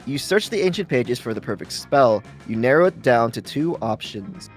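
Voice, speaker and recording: A man's voice: medium pitch, expressive, moderate pace. A man reading game narration aloud to a group as the narrator of a playthrough. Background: music.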